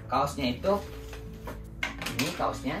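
A young Indonesian man hosts a casual vlog from a small room at home, chatting with his viewers and often calling them "guys." His voice is medium-pitched, expressive, and a little slow. The recording sounds roomy and distant, with music playing in the background.

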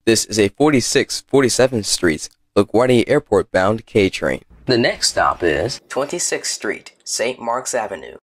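A man's voice: fairly low pitch, lively intonation, a little slow, few pauses, slightly rough, no echo, clean studio sound. A man reading scripted subway station announcements in clipped, formal phrases, like an automated system.

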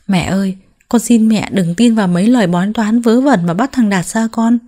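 Woman doing young mom begging softly, warm mellow voice, storybook. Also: medium pitch, fairly quick, lightly acted. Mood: pleading. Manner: pleading, gentle. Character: young mother, pleading and tearful.

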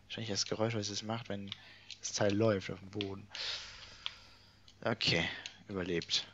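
A man's voice: fairly low pitch, level tone, moderate pace, lo-fi sound, noisy background. A man casually commenting while playing a game, chatty and muttering to himself. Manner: chatty, muttering, swears and laughs. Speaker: let's play gamer.

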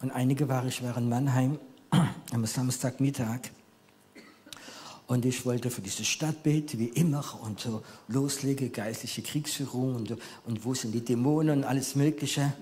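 A man in his fifties with French as his first language, preaching a sermon in German as an animated storyteller who swings between loud emphasis and quiet near-whispers. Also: medium pitch, measured pace.

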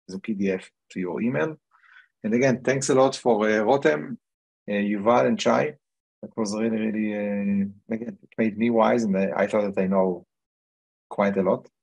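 A middle-aged host talks on a video call, his voice low and gravelly with a husky edge. He speaks haltingly, circling back with fillers and restarts. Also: darkish tone, rough recording. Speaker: meetup host. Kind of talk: casual panel chat.

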